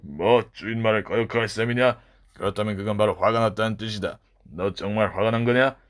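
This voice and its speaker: A man doing a mean, taunting castle master. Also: natural voice. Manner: slow, low and mocking.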